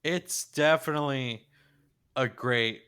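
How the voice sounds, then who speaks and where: A man's voice: medium pitch, slow pace, pushed and bright, clean tone. A man co-hosting a podcast, chatting casually and enthusiastically about an anime episode like a gushing fan. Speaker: podcast co-host.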